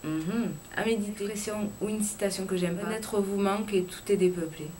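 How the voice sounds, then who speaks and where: A young woman with a southwest French accent from Lot-et-Garonne, chatting casually and frankly to her camera with lots of filler pauses. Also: medium pitch, dark tone, slight background noise. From Lot-et-Garonne, southwest France. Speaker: YouTuber. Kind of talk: casual chat vlog.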